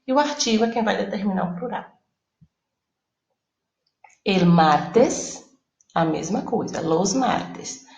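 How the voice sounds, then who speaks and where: A woman's voice: fairly low pitch, creaky, reverberant, highs cut off. A Portuguese-speaking woman teaching a recorded Spanish lesson, explaining each step and checking in with her students as she goes.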